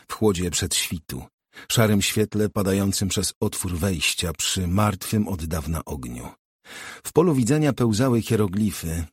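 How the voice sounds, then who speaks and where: A man narrating an audiobook in a measured, unhurried reading. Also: low voice, darkish tone, slightly rough, no echo, studio quality. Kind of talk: scripted narration.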